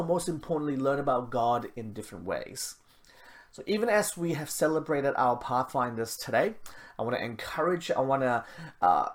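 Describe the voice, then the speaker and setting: A man serving as pastor gives church notices before his sermon, then leads a prayer. He talks in a chatty, self-deprecating way, dropping in quick asides. He is speaking at a church service that is streamed live. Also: mid-range voice, a bit bright. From Malaysia.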